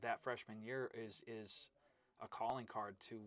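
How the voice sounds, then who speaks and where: A middle-aged man who coaches wrestling, his voice on the low side and his pace measured, shares stories in a casual interview. Animated as he tells them, he acts out quotes and tosses in "bro" and "right?" along the way.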